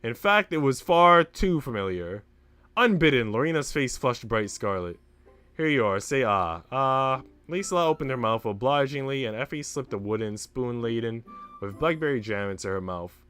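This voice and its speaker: Livestreaming a story game, a man reads a visual novel's narration aloud and then slips into slangy, sweary casual chat. His mid-range voice is animated, smooth, and a bit bright, moving at normal speed over background music.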